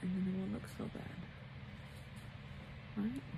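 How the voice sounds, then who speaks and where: A woman doing a casual makeup tutorial vlog, chatting in a relaxed way while she applies makeup. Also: mid-range voice, unhurried, gravelly, background noise. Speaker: makeup vlogger.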